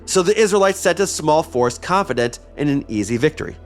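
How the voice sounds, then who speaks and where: A man's voice: a little high, expressive, a little fast, soft background music. A man hosting a history podcast, narrating a script with wry, conversational asides. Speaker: podcast host.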